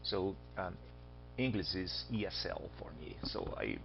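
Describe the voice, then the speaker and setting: A Brazilian man with a Brazilian Portuguese accent gives a chatty recorded astronomy lecture, quizzing his students and tossing in jokes. His voice is low and gravelly, with wildly swooping pitch and a slightly slow pace. The lo-fi recording sounds dull and carries a little hiss or hum.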